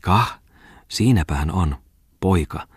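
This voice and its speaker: Sly flirty farm wife as a male reader puts her on, raised husky voice, dry close sound. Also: sits low, lively intonation, dry recording, exaggerated voice. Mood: teasing. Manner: teasing, giggly, coaxing. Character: sly flirtatious former farm mistress woman. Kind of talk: audiobook character reading.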